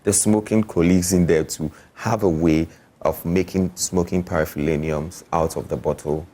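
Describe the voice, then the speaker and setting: A man's voice: low-pitched, fairly even intonation, normal speed, dark tone. A man, an artist talking casually and explaining things in an interview. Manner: explanatory, often checking the listener follows.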